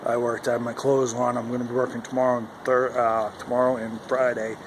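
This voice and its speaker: Male vlogger, mid-pitched, rambling casual talk, recorded outside with clear wind noise over a handheld camera. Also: flat delivery, brisk. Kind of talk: casual vlog chat to camera. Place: outdoors in the cold wind. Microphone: handheld camera at arm's length. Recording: windy outdoor recording, loud wind noise. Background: howling wind noise.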